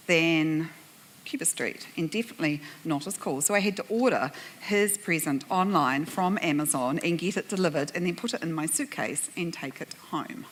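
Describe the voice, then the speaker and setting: A woman with a New Zealand accent speaks in a lowish, fairly bright voice. She's moderating a panel in a conference plenary room, telling the audience a funny, self-deprecating story and laughing often.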